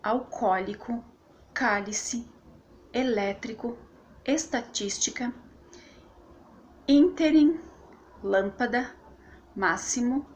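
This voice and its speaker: A woman's voice: a little high, very slow, pauses often, a little hiss or hum. A woman teaching a recorded grammar lesson for a course, explaining patiently and checking in with the viewers as she goes. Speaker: course instructor.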